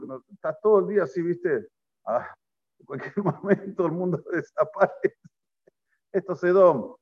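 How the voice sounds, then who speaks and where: A rabbi with a Rioplatense Spanish accent teaches a Torah class in a slightly high, animated voice. He keeps turning to his students with questions and acts out the quoted lines. The recording is dull and lo-fi. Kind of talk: lively Torah lesson to a group.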